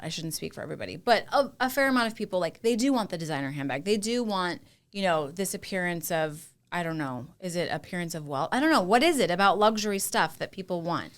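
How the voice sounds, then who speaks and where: A woman in her forties hosting a podcast, chatty and upbeat, thinking aloud with restarts. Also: lowish voice. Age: 40s. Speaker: podcast host. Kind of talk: casual interview chat.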